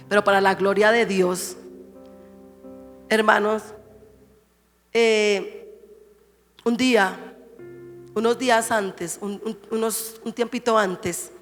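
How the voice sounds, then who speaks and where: A woman's voice: on the high side, fairly bright tone. A woman pastor giving a passionate testimony sermon, often calling out to her listeners as brothers. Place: church hall. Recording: church hall reverb with music.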